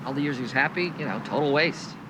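An actor playing a wry, bookish middle-aged scholar, talking in short, dry, offhand phrases in naturalistic film dialogue. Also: male voice, on the high side, quick pace, close to an everyday voice. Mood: dry, reflective. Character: wry, bookish uncle-like scholar consoling a teenager. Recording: very noisy outdoor waterside, boats behind.

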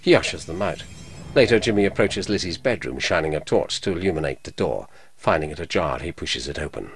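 Deep guy doing audio description, steady and neutral, low low voice. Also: a little hiss or hum. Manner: measured, neutral. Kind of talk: scripted narration.

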